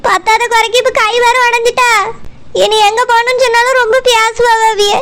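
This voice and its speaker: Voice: very high voice, little pitch movement, a little fast, fairly bright tone. A performer voicing a young village wife who cries as she complains about her mother-in-law, in a Tirunelveli accent. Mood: tearful. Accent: Tirunelveli Tamil. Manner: complaining, aggrieved. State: crying.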